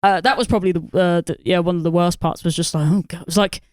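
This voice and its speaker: A woman's voice: lowish voice, fairly even intonation, quick pace, darkish tone, dry recording, clean studio sound. Rambling sweary woman chatting films. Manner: rambling, sweary, lots of fillers and laughs. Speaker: podcast co-host. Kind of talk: casual film review chat.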